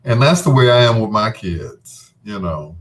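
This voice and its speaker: Folksy and relaxed, this middle-aged man hosts a late-night radio show, bantering and teasing with listeners. He has a lowish, expressive voice at a moderate pace.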